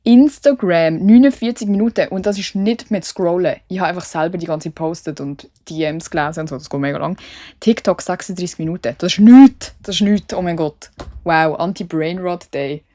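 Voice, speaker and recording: Chatty young Swiss woman, mellow voice. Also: on the low side, a little fast, dry recording. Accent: Swiss German. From Switzerland. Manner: chatty and self-mocking, with English slang mixed in. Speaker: podcast host. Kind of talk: casual solo podcast chat.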